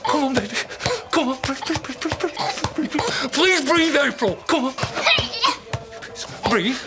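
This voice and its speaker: A woman's voice: high-pitched, lively intonation, a little slow. Woman playing a frantic pleading rescuer. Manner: pleading, repetitive urging. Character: frantic woman reviving someone. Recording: loud music over the voice.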